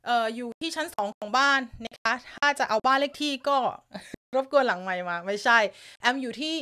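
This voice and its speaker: A woman from Thailand hosts a loose, chatty live stream from an upstairs room at home. Her voice sits a little high, and she giggles often as she answers viewers. A lingering cough hangs about her. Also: lively intonation, brisk, bright, forceful tone, smooth. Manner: chatty, giggly, reads viewer comments aloud. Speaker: live-stream news host. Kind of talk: casual live-stream chat.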